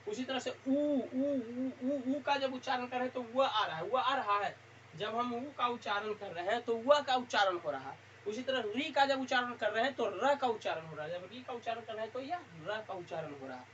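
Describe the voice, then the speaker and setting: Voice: medium pitch, expressive, brisk, fairly bright tone. Teacher quizzing the class at the board. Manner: asks and answers own questions, repeats key points. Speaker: grammar teacher. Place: warm teaching room at a writing board. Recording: dull lo-fi sound with faint hiss.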